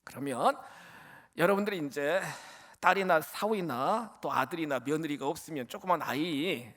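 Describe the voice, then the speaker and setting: Male preacher, high and very animated, fervent delivery that jumps from shouting to whispering. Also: normal speed. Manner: impassioned, swinging from shouts to whispers; keeps addressing the congregation. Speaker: pastor. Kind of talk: sermon.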